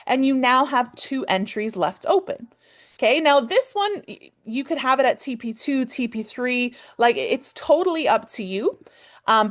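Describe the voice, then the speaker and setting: Fast-talking Canadian woman trading coach. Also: fairly high pitch. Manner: fast-talking, checks in with "okay?" constantly. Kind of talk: live online trading lesson.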